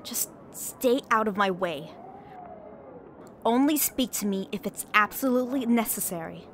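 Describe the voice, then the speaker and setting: A woman playing a proud young pony princess in a radio drama, regal and expressive in manner. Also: medium pitch, measured pace, a little hiss or hum. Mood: exasperated, indignant. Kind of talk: fan radio drama voice acting.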